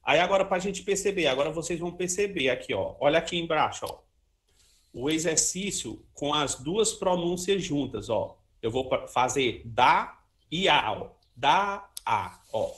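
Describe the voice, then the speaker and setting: Animated and on the high side, a man moves at a moderate pace through a casual trombone lesson. He talks freely and sings quick syllables to demonstrate articulation, with frequent "ó" and "né" tags in this informal lesson.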